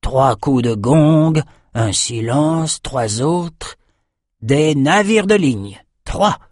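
A man's voice: mid-range voice, expressive, extremely slow, a little mellow, dry recording, clean studio sound, voice pushed up. A man voicing a boastful male dive master who barks orders at his divers. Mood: commanding. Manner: commanding, bellowing orders.

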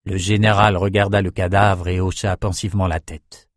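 Homme grave qui lit un roman. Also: male voice, low-pitched, level tone, moderate pace, no echo. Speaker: narrator. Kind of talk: scripted audiobook narration. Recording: dry studio recording.

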